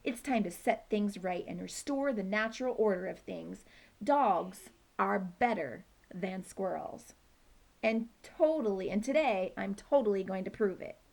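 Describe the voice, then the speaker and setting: A woman voicing an excitable male dog who rants indignantly about squirrels, reading a children's book aloud. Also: medium pitch, unhurried, creaky. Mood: determined.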